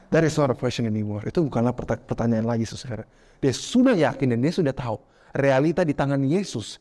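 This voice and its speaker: A man preaching a sermon, animated, constantly addressing listeners as brothers and slipping English phrases into his talk. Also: medium pitch.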